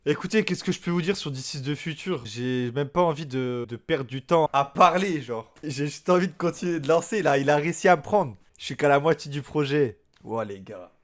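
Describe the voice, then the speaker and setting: Excitable streamer reacting with slangy awe. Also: male voice, a little high, fairly quick, few pauses. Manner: excitable, slangy, keeps repeating he is shocked. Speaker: streamer reacting to a rap album. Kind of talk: live reaction commentary.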